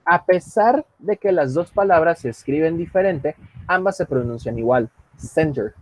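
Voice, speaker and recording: A man's voice: a little high, expressive, moderate pace. A man teaching English over a video call, patient and joking, switching between English and Spanish. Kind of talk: online class, bilingual teaching. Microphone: computer mic on a video call.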